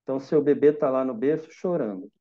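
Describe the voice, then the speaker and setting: A man with a Brazilian Portuguese accent giving a calm, reflective meditation talk, teaching through simple examples and questions to listeners. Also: mid-range voice, brisk, dull audio.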